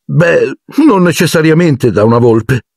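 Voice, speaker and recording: Man putting on a sobbing drama-queen schoolgirl in an audiobook, high and wobbly, husky edge. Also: animated, unhurried, a little mellow, no echo, studio quality, full character voice. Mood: tearful. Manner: wailing, self-pitying. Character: teenage girl, dramatic and tearful over a dead pet. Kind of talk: audiobook character voice.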